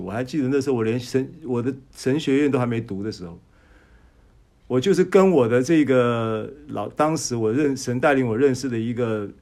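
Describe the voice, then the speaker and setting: Guy pastor preaching, tells his own story, keeps restarting words, talks right at you. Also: mid-range voice. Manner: animated storytelling, frequent stammered restarts; speaks to listeners directly. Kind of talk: sermon with personal testimony.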